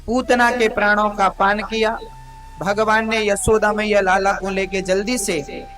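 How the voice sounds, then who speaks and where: High-voiced slow Hindi katha preacher. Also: male voice, a bit bright. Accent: Hindi, North Indian. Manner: dramatic, voices characters in quotes, addresses listeners as mother. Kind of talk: devotional storytelling sermon.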